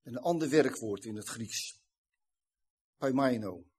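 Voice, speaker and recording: Husky-voiced man preaching a sermon. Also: medium pitch, lively intonation, slow pace, a little mellow. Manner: earnest, retelling scripture with quoted dialogue.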